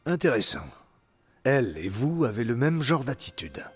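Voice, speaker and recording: A man's voice: medium pitch, sing-song, normal speed, slightly rough, faint music behind. An actor playing an earnest, curious young male hero in a French video game dub, asking plenty of questions. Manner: inquisitive, earnest.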